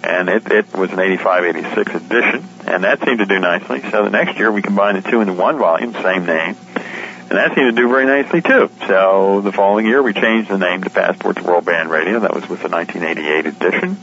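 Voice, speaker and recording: On a dull, lo-fi radio interview line, a man who publishes and edits a shortwave radio guide explains things conversationally, dropping in informal asides. His voice sits low and a bit bright, he talks quickly, and there is slight background noise.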